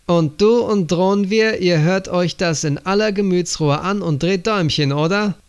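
Ein Mann als ruhiger älterer Anführer. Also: male voice, high voice, normal speed, smooth. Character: older male leader, calm and probing.

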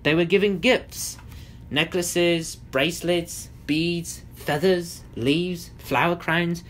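A man's voice: a little high, takes it slowly, slight background noise. A man reading a children's storybook aloud with occasional slips and restarts. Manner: lively, with small slips and restarts. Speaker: audiobook reader. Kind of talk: storybook narration.

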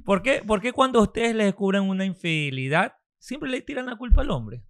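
A man with a high, gravelly voice who swoops up and down as he talks. He chats casually on a panel, animated and jokey, and often acts out what other people say. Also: fairly quick. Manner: animated, jokes, playacts others' lines. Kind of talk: casual group chat.

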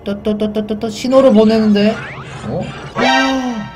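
A young woman playfully dubbing and commenting on a cartoon, full of exclamations, with music playing underneath. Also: on the high side. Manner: animated, exclaiming, quick voice switches. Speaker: YouTuber dubbing a fan animation.

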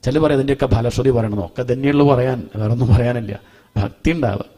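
A middle-aged man with a mellow, medium-pitched voice teaches a devotional lesson on the Bhagavatam. He chants the verses slowly, then explains them in a homely, conversational way.

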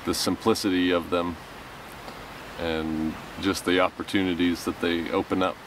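An American man from Colorado, a packrafter interviewed outdoors in a pine forest, talking in a measured way. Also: deep voice, level tone, far from the mic, slight background noise, rough recording. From Colorado, USA. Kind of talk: documentary interview.

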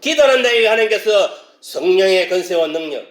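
A man preaching a sermon as pastor, explaining a passage and now and then breaking into loud shouted exclamations. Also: sits high, lively intonation, a little fast, reverberant.

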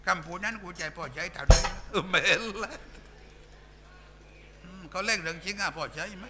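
Against a noisy background, a man speaks in a high-pitched voice at a moderate pace, sounding close to his everyday voice. He plays a bawdy male village clown in a Southern Thai accent, telling rough jokes with rowdy banter in a live shadow puppet show.

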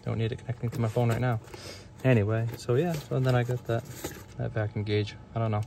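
A man's voice: medium pitch, level tone, brisk, creaky, background noise. A self-employed HVAC technician giving a casual, rambling tour of the gear in his work van, listing items with many fillers.

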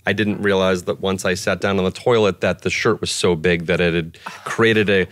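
A man's voice: low-pitched, fairly even intonation, normal speed, fairly bright tone. A man on a podcast telling an embarrassing story about himself, laughing as he goes. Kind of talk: casual anecdote.

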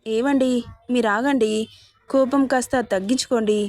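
A woman's voice: fairly high pitch, steady tone, moderate pace, darkish tone, no room sound, studio quality, close to an everyday voice. A woman reading a calculating, persuasive older sister.

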